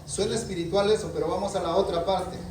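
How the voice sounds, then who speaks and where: A man's voice: sits high, fairly even intonation, quick pace, a little mellow, roomy sound, distant mic, slight background noise, rough recording. A man preaching a sermon, telling stories and acting out the voices of a pleading child and a parent, asking the congregation questions. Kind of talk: sermon with storytelling.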